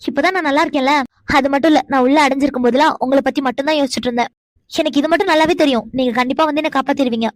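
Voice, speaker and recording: A woman's voice: high-pitched, rapid-fire, no room sound, studio quality, close to an everyday voice. A woman voicing a shy, easily embarrassed young wife in a cartoon, fretful and exclamatory, stammering when bashful. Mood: tender. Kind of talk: animated cartoon voice acting.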